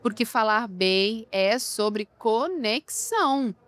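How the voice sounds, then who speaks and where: A woman's voice: a little high, animated, slow, a bit bright, no echo. A woman who coaches people on public speaking, talking emphatically in an interview and often asking rhetorical questions. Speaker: communication coach. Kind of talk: podcast interview.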